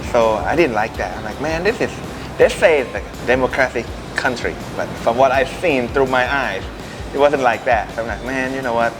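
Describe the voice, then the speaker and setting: A man's voice: medium pitch, moderate pace, music in the background. A man from Thailand with a Thai accent, speaking cheerful broken English in an interview. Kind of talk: casual chat.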